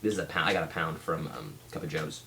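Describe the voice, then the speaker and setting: A man giving a casual, rambling product review as a vlog reviewer, speaking haltingly and often restarting his sentences. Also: rumbling low, animated, creaky, a bit bright, slight background noise. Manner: halting, with many restarts and trailing thoughts. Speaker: pipe tobacco reviewer.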